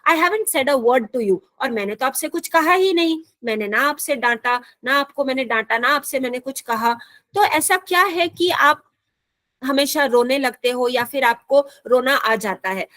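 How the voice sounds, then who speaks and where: Woman teacher from India, high voice, patient, repeats herself, slow careful English with an Indian accent, dry close sound. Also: pushed and bright, dry recording. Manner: patient, repeats and rephrases often; slows down sharply to read English lines. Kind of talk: explaining a school English lesson in Hindi.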